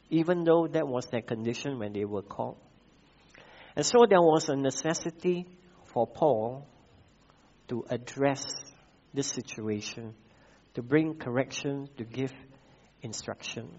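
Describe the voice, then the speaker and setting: Malaysian pastor preaching a measured sermon. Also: male voice, mid-range voice, darkish tone, highs cut off. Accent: Malaysian English. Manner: measured preaching, repeats key phrases, frequent "uh" fillers.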